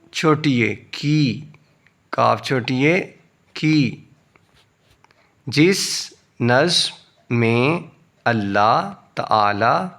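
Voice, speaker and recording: A man teaching a children's reading lesson, sounding out letters and syllables slowly and deliberately before saying whole words. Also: mid-range voice, fairly bright tone. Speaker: Urdu teacher. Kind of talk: slow phonics reading lesson, spelling out letters.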